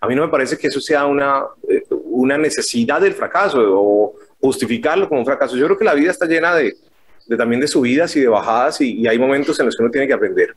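A male interviewer with a mid-pitched voice asks long, reflective questions. He circles his point with hesitant restarts and fillers before landing it. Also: lively intonation, fast talker. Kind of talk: conversational interview.

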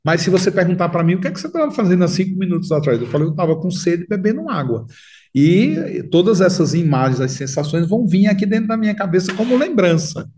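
A man's voice: sits high, big pitch swings, fast talker, mellow, distant mic. A man with a Paraíba Northeast Brazilian accent telling his life story in a casual interview, acting out the voices of the people he quotes.

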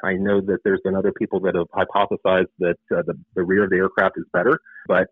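As a guest on a radio interview, an author and air traffic controller answers informally and explains things, often rephrasing. His low voice is slightly rough, with a flat delivery and quick pace, recorded with no echo over a narrow, phone-like line.

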